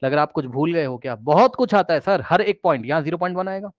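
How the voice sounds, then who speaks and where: High-voiced man teaching a math class. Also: expressive, quick pace, no echo, muffled recording. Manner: addresses students directly, asks questions, repeats key phrases; mixes English math phrases into Hindi explanation.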